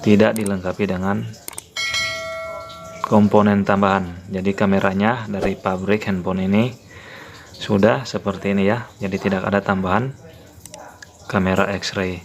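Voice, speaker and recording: A man's voice: deep voice, little pitch movement, moderate pace, pauses often. A man hosting a tutorial channel, walking viewers through a phone app in a plain explanatory way. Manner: plain explanatory, repeats "ya, teman-teman" fillers.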